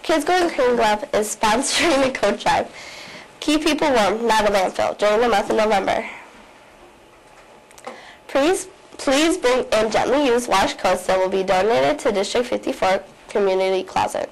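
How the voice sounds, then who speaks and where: Gravelly-voiced girl announcer. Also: a little high, normal speed, poor audio. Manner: bright, read-aloud delivery. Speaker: student announcer. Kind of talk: morning announcements.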